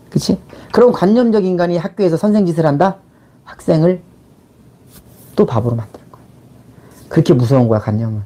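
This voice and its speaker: A man's voice: on the high side, mellow. A middle-aged man giving a casual lecture in blunt informal speech, firing rhetorical questions at his listener. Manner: acts out little quoted exchanges mid-talk. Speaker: channel host, life and money mentor.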